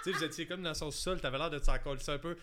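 A man's voice: fairly high pitch, rapid-fire. Teasing Quebec man, noisy recording. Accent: Quebec French. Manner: teasing, laughs while talking. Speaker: podcast co-host. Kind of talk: casual chat.

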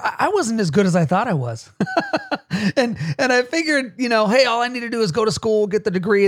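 A man's voice: high-pitched, no room sound, clean studio sound. A man hosting a podcast about leadership, talking casually, laughing often and tagging his points with "right?". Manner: chatty, laughs often, keeps asking "right?". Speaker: podcast host and leadership coach.

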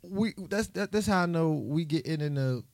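A man's voice: on the high side, expressive, moderate pace, creaky, darkish tone, no room sound, studio quality. An American man in a casual panel discussion, talking emphatically and repeating phrases for stress.

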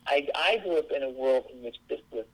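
A woman's voice: extremely low pitch, fairly quick, rough recording. A woman from Seattle, speaking as an interview guest in an earnest, reflective way. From Seattle, USA. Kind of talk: interview conversation.

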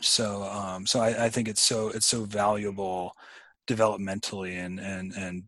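A man co-hosting a podcast, talking through a book in a halting way with many fillers and restarts, then reading a scripted sign-off. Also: fairly low pitch, flat delivery, pushed and bright, no echo. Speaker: podcast co-host. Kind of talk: casual book discussion and scripted outro.

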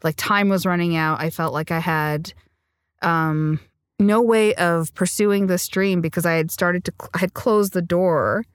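A woman's voice: fairly low pitch, steady tone, unhurried, clean tone, no echo, clean studio sound. A woman, a singer-songwriter from Sri Lanka, speaking earnestly and reflectively in an interview, often laughing. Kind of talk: conversational interview.

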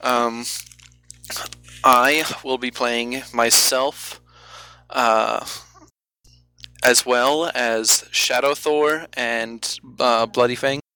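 A man's voice: medium pitch, fairly even intonation, extremely slow, pauses often, bright, forceful tone, clean tone, low-quality recording. A man hosting a podcast and narrating a guild story as game master, hesitant and full of ums. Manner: hesitant, lots of ums and uhs.

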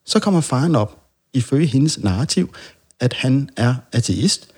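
Husky man telling rambling anecdotes. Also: medium pitch, expressive, a little mellow. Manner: rambling anecdotal, acts out quoted dialogue. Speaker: podcast guest. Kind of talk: casual storytelling chat.

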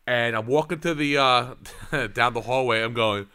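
A man's voice: mid-range voice, normal speed, sharp tone, smooth. A man in his thirties telling a rambling, profane story in casual chat, full of restarts and asides.

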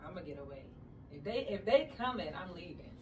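A woman's voice: fairly low pitch, animated, brisk, a little mellow. A woman co-hosting a podcast, chatting casually and joking with a guest. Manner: playful, joking. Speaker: podcast co-host. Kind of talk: casual interview chat. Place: radio station studio. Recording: roomy studio, distant mic, noisy.

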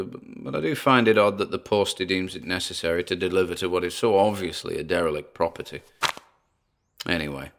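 In a podcast-style audio drama, a man with a British accent and a fairly low, creaky voice narrates his exploration as a cautious, talkative paranormal investigator. His mood is chatty and wry, with theatrical asides along the way.

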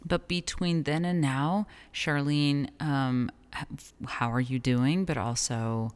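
A woman in her thirties co-hosting a podcast in casual chat, a little husky from allergies, with Spanish words dropped in. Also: low-pitched, slow. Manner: relaxed, says like often, drops Spanish words. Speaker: podcast co-host.

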